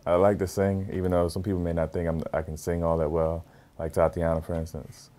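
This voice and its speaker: Low, mellow-voiced man in his thirties. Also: monotone, brisk. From Richmond, Virginia. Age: 30s. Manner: easygoing, plainspoken, lightly joking. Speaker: interviewee, groom-to-be. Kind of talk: relaxed interview answers.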